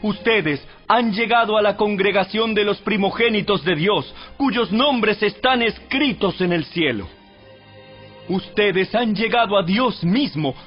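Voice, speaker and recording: Male narrator, high-pitched, solemn and measured, for scripted audio Bible with faint background music. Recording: dull radio-like sound with music behind.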